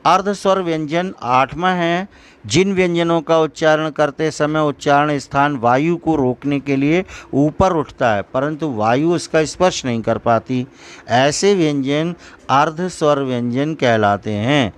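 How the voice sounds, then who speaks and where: A man's voice: a little high, unhurried, clean tone. A man teaching a school grammar lesson, explaining terms patiently and drawing out example sounds. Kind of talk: slow classroom grammar lesson.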